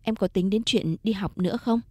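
A woman voicing a caring, successful man who speaks softly and reassuringly in a storybook reading. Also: mid-range voice, brisk, no room sound, close to an everyday voice. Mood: gentle.

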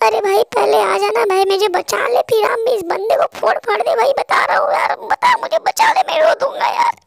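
A man voicing a panicky, whiny teammate who keeps begging to be rescued, in a shrill pleading tone. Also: lively intonation, normal speed, vocal fry, a crowd in the background, full character voice.

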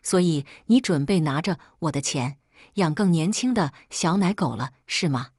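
A woman's voice: low-pitched, lively intonation, moderate pace, a little mellow, breathy edge, no room sound, clean studio sound. A woman reading the lines of a hurt, demanding young boyfriend in an audio story, accusing and pleading. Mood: angry.

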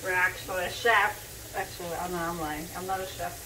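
A woman's voice: fairly low pitch, fairly even intonation, a little fast, background noise. A young woman chatting casually while cooking in her home kitchen, easygoing and self-deprecating, recorded on a phone camera. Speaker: home cook. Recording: loud frying and sizzling behind.

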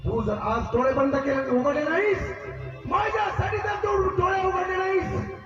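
Man acting desperate poor son, wailing pleas, very high voice, stage drama, far-off dull recording. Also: moderate pace. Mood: anguished. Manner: anguished wailing pleas, sobbing shouts. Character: desperate poor young son pleading with god. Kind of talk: live folk stage drama. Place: open stage performance. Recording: echoey distant lo-fi stage recording with loud music.

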